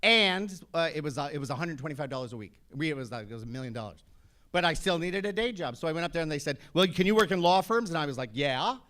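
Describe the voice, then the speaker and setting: A man in his fifties on an actors' panel, telling brash, animated stories with comic asides to an audience. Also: on the high side, racing. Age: 50s.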